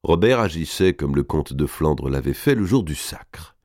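A man's voice: a bass voice, expressive, moderate pace, a little mellow, no room sound, studio quality. A man narrating a historical novel as an audiobook, reading expressively and dramatically.

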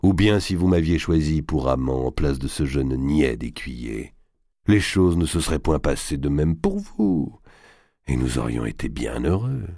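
A domineering, scheming nobleman, voiced by a male reader, with a deep voice that coaxes low and barks its orders. He is arrogant and quick to rage. The read is dry and close-miked. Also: expressive, vocal fry, warm tone, no room sound, heavily acted. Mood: coaxing. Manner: coaxing when low, barking orders when angry. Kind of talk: audiobook character voice.

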